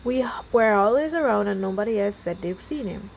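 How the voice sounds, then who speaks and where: A woman's voice: mid-range voice, lively intonation, brisk, vocal fry, darkish tone, a little hiss or hum, poor audio. A woman voicing a worried middle-aged father pleading for help in a storybook reading. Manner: sorrowful, pleading.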